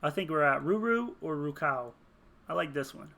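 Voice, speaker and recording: A man's voice: on the high side, lively intonation, moderate pace, creaky, pushed and bright. A man thinking aloud as he builds a game character, rambling, muttering and chuckling at his own jokes while he types. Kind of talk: casual thinking aloud while searching online.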